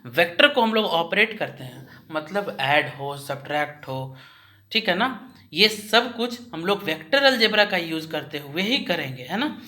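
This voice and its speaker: A man's voice: a little high, very animated, pushed and bright. A male teacher giving a recorded lesson, patient and repetitive, who asks questions and then answers them himself. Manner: patient, repeats each point slowly. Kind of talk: recorded class lecture.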